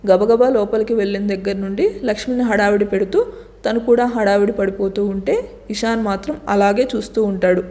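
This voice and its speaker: A woman storyteller narrating a serialized love story in a lively, expressive way. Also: mid-range voice, a little fast, big-room sound.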